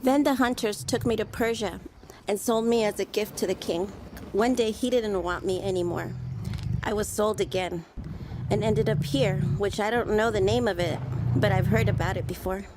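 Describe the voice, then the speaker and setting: A young lioness tells her sad story in plain, steady first person, voiced by a woman. It sounds like an animated storybook. There is clear noise running behind the voice. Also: mid-range voice, moderate pace, close to an everyday voice. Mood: sorrowful. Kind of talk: storybook narration. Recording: noisy background.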